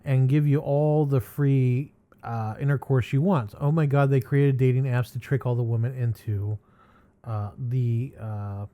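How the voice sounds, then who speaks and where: A man of middle pitch talks through viewer comments as a host. His speech is loose and rambling, full of ums, sighs and small chuckles. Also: fairly even intonation, unhurried, narrow, tinny audio. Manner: rambling and hesitant, with many fillers and sighs.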